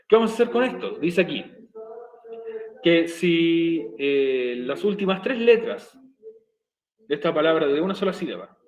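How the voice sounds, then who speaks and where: Man, teacher, slightly high voice, slow repetitive explaining, echoey room. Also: animated, a little mellow. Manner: slow, repeating explanations step by step. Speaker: English teacher. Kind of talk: recorded video lesson.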